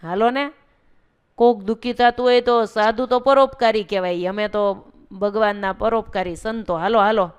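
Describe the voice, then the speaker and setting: Woman voicing a brisk old holy man. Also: medium pitch, steady tone, smooth, close to an everyday voice. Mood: brisk, firm. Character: kindly confident old male holy man.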